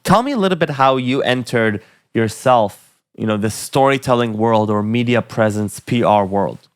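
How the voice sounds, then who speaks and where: A man's voice: medium pitch, expressive, moderate pace, clear, resonant tone. A man hosting a podcast, reading a scripted introduction and then asking his guest questions conversationally. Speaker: podcast host.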